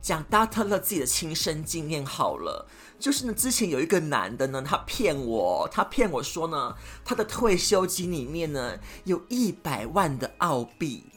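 Animated woman podcast host, dramatic. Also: sits low, moderate pace, breathy edge, soft background music. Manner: animated, dramatic, acts out scenes. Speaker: podcast host giving dating advice. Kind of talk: casual storytelling advice.

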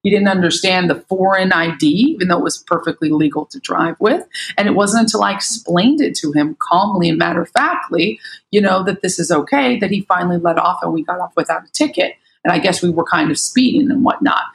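A middle-aged American woman in casual panel talk, an animated storyteller who acts out what people said. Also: fairly low pitch, a little fast, creaky, poor audio. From United States. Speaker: panel guest.

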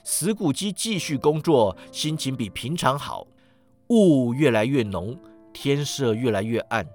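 Animated man telling a storybook tale. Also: medium pitch, measured pace, faint music behind. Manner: animated, with many "ai" interjections. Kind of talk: reading a storybook aloud.

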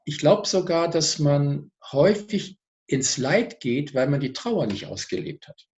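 A man, a speaker on personal growth, explaining his ideas as a guest in a TV interview, lively and full of examples. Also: fairly high pitch, unhurried, highs cut off.

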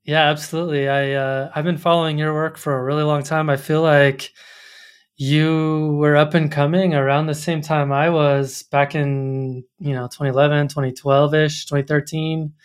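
A man's voice: a little high, flat delivery, normal speed, smooth. Guy hosting a podcast, casual chatty interviewer, lots of um and uh. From Colorado. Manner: chatty, many fillers and restarts. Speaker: podcast host.

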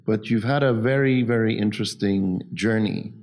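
A man's voice: fairly low pitch, normal speed, darkish tone. A man hosting a podcast, introducing his guest and asking questions with many hesitant fillers. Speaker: podcast host.

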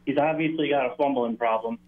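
A man's voice: mid-range voice, fairly quick. A man calling into a radio show on speakerphone, his voice muffled and hollow, talking hesitantly with fillers. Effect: muffled, hollow speakerphone sound. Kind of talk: casual call-in chat. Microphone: phone on speaker. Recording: muffled phone line.

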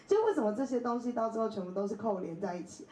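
A woman's voice: fairly high pitch, rapid-fire, echoey room, a little hiss or hum, poor audio. Woman, 30s, chatty storytelling talk at a bookstore, laughs a lot, voice bounces around the room. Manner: animated, laughs often, acts out quoted voices. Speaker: invited speaker. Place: bookstore event space.

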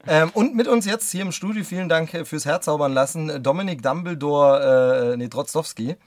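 A man's voice: fairly high pitch, moderate pace. A young man co-hosting a casual podcast chat, joking around and tripping over fillers, recorded in a small studio. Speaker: podcast co-host, former film magazine editor.

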